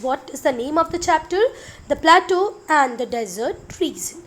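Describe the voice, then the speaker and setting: A high-voiced woman teaching a class with an Indian English accent. She reads definitions out slowly, explains them in Hindi, and keeps checking in with "okay?" and "beta." Her delivery is measured and unhurried. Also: animated, a bit bright. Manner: calls students "beta" affectionately. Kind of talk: online class lesson.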